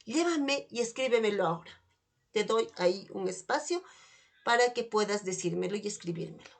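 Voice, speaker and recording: A woman's voice: medium pitch, expressive, moderate pace. A woman leading a live online holistic therapy workshop, guiding participants with repeated questions and prompts to write in the chat. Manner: coaxing, repetitive prompting with direct questions.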